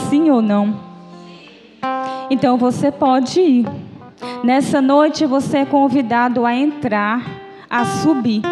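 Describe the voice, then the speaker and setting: A young woman from Bahia, Brazil, with a high voice and a Northeastern Brazilian Portuguese accent, preaches at a small church's prayer group. She reads scripture slowly, gently and invitingly into a stand-mounted mic at the lectern, and the church hall is reverberant.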